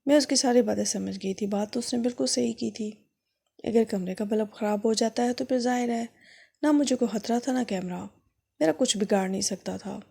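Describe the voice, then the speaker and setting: A woman narrating a story in the first person, in a steady and earnest way. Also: fairly high pitch, gravelly, slightly rough.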